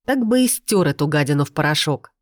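A woman's voice: low-pitched, expressive, brisk, darkish tone, no room sound, studio quality. A woman voicing a confident young man who speaks firmly to his partner and rivals. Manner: firm, clipped.

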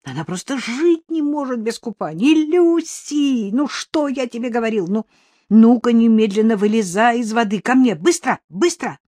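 An audiobook reader voicing a frantic dog owner who calls after his pet with shrill, pleading cries. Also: animated, a little slow, darkish tone, no echo, clean studio sound. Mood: fretful. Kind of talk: audiobook reading.

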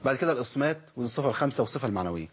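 Fast-talking Egyptian man teaching recitation. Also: medium pitch, lively intonation, slightly rough. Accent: Egyptian Arabic. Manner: explains with rhetorical questions and demonstrates letter sounds. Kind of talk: spoken recitation lesson. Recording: dull lo-fi recording.

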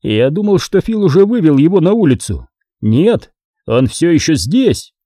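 A man reading an audiobook voices a cold, calm, ironic mafia hunter. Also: a little high, moderate pace, no echo, studio quality, voice pushed up.

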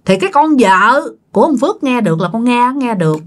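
A woman with a Southern Vietnamese accent tells a ghost story offhand and conversational, full of fillers and direct asides to her listeners. Her voice sits a little high for a woman. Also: big pitch swings, brisk. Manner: chatty, addresses listeners directly, many fillers. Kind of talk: casual spoken ghost story.

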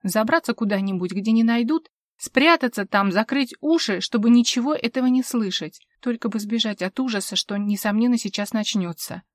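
Woman narrating a dark fantasy audiobook. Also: a little high, normal speed, no echo, clean studio sound. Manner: expressive, dramatic reading. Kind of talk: scripted narration.

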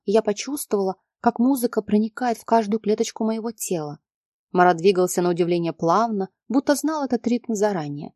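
A woman narrating a story in the first person, with an even, measured reading. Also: mid-range voice, no room sound, clean studio sound. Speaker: audiobook narrator.

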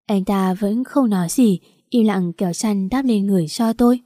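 A woman's voice: medium pitch, normal speed, mellow, no room sound, studio quality. A woman narrating a dramatic first-person audio story with emotional delivery.

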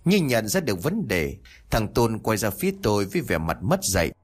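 Husky man telling a village ghost story. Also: fairly low pitch, brisk. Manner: expressive, lively storytelling.

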